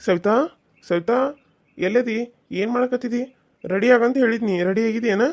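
A woman's voice: on the high side, unhurried, darkish tone, voice pushed down. A woman with a North Karnataka accent voicing an impatient young village husband in a cartoon serial, hurrying his wife along. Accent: North Karnataka Kannada.

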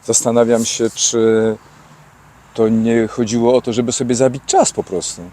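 Mellow-voiced male interviewer. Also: medium pitch, little pitch movement. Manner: measured, reflective questioning. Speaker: interviewer, channel host. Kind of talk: interview questions. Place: outdoors by a street.

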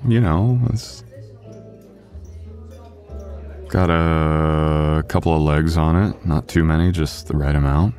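In an intimate boyfriend ASMR roleplay, a man plays a sweet, apologetic young husband who is devoted to his partner. His deep, slightly mellow voice comes out halting, tender, and self-deprecating, with a playful, teasing mood.

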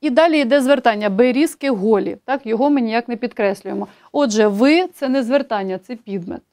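A woman giving an exam-prep grammar lecture, explaining rules step by step, slowing down to read poetry examples and often saying "so" to check understanding. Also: on the high side, a little mellow. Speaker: teacher.

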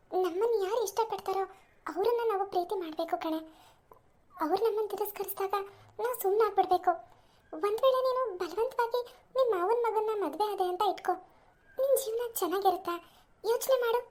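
A performer voicing a calm, sensible young woman giving gentle advice in a home-made cartoon. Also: very high voice, a little fast, pauses often. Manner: gentle, advising.

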